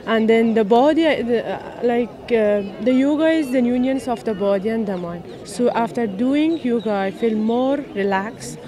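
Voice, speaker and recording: A woman's voice: a little high, extremely slow, hardly any pauses. Hesitant woman. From Afghanistan. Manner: hesitant, many fillers. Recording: outdoor crowd noise.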